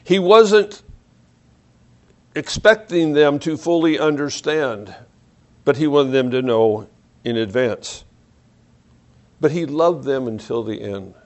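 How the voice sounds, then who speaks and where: A man preaching a sermon, reading scripture aloud and reflecting on it, often dropping his voice low on key points. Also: expressive, slow, long pauses. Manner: reflective, varies pace and loudness, drops low on key points.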